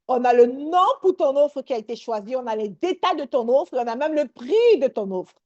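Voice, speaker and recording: A woman leading a live online workshop, energetic and sprinkling English words into her talk. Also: high voice, moderate pace, lo-fi sound.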